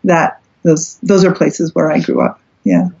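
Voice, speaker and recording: A woman's voice: deep voice, very animated, unhurried, vocal fry, a little mellow, slightly rough. A Canadian woman, a philosophy professor, talking casually in an interview and wandering through asides and restarts. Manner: rambling, many restarts and asides. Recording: dull lo-fi audio.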